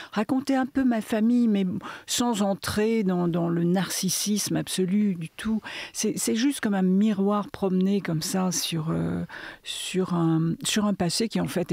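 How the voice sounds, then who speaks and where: A woman in her seventies with a Parisian French accent, speaking as a writer in a thoughtful, measured interview with many hesitations. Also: lowish voice, creaky, mellow, slightly rough, no room sound. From southern France, Catalan area. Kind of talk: reflective conversation.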